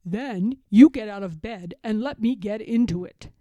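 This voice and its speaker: Reading aloud from a children's storybook, a woman lightly acts out an earnest, puzzled toad in a mid-range voice, sounding miserable. She speaks slowly, deliberately and emphatically, and the audio is close, mellow, dry and dull.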